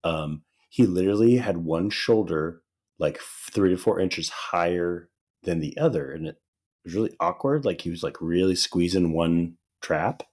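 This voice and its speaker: A very low-pitched man chatting casually as a podcast co-host. His voice sounds slightly hoarse and dry, as if it is still recovering. He tells stories in a relaxed way and laughs often. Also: unhurried. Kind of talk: casual chat.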